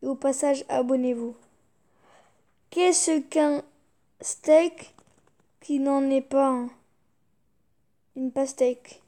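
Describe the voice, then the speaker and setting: A woman's voice: high voice, steady tone, extremely slow, long pauses, mellow. A young woman YouTuber reading jokes aloud, fighting back giggles and muttering reactions between them.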